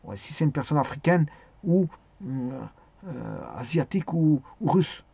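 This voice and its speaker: A man giving a spoken lesson on speaking skills, hesitant, with many pauses and repeated words. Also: on the high side, expressive, gravelly, dark tone, slightly rough, dry recording. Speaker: teacher. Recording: dull lo-fi sound.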